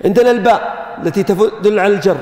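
A man's voice: sits high, fast talker, a little mellow. A man giving a grammar lecture, explaining step by step and quizzing his students. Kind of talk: classroom lecture. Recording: echoey hall with long reverb.

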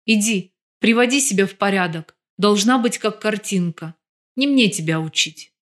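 A woman's voice: medium pitch, moderate pace, fairly bright tone, natural voice. A woman voicing a menacing middle-aged male crime boss who hisses cold threats in an audiobook.

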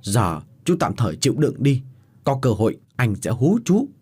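A young farmhand from a spoken story, bitter about his lot but shrewd, as a male narrator plays him. He speaks gruffly in a husky voice with a lively pitch. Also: normal speed. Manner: gruff, scolding.

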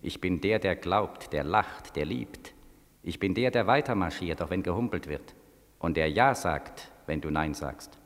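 Calm incantatory inner voice, deep, long echo, 1947 radio play. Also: male voice, measured pace, pauses often. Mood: insistent calm. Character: the Other, an insistent inner voice. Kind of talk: 1940s radio drama acting. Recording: reverberant 1947 radio drama.

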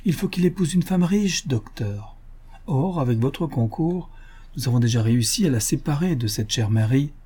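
A man's voice: medium pitch, lively intonation, moderate pace, warm tone, slightly rough. A man voicing a haughty, scheming aristocratic mother who talks in a sugary, insistent, lofty tone, reading an audiobook novel. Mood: pleading, wheedling.

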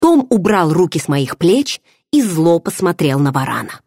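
A woman's voice: on the low side, sing-song, moderate pace, darkish tone, husky, no room sound, studio quality. A woman narrating an audiobook in the first person, telling the story expressively. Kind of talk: scripted narration.

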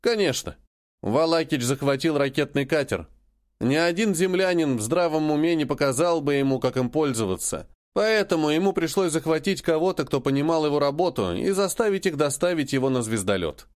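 A man voicing a stern alien rebel leader who speaks in a cold, grim, measured way. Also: fairly high pitch, animated, lightly acted.

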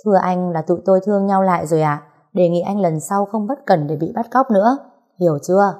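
A woman's voice: deep voice, expressive, moderate pace, warm tone. A woman voicing a stern but loving young father in a storybook reading, mock-formal.

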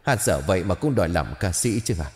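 A man's voice: low-pitched, very animated, brisk, in a large hall. A man voicing a vengeful young female ghost who snarls and threatens, in a horror storybook. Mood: enraged.

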